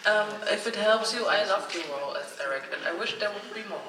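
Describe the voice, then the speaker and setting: A woman's voice: mid-range voice, animated, quick pace. A woman with a German accent bantering with a guest from the audience, giggly and teasing. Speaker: fan asking questions. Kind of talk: casual Q&A banter. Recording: noisy echoey hall mic from a distance.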